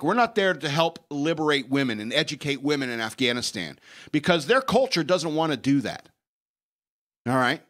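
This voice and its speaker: A man's voice: on the high side, fairly bright tone. A man hosting a talk show, delivering a blunt, emphatic, opinionated news rant and repeating phrases for effect.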